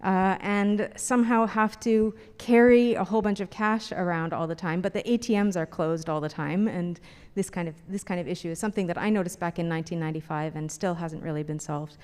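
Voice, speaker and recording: A woman's voice: lowish voice, steady tone, fairly quick, a little mellow, clear, resonant tone. A middle-aged woman from Canada speaks on a symposium panel in a chatty way, laughing often and using many fillers. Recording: reverberant hall.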